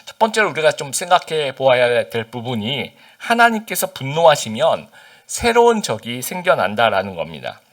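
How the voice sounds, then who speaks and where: This man's pitch sits in the middle but swings widely, at an ordinary pace and with a fairly bright tone. He's a pastor from Busan, South Korea, preaching conversationally with lots of fillers and questions to the listeners, a slight Busan dialect showing beneath his Seoul-standard Korean.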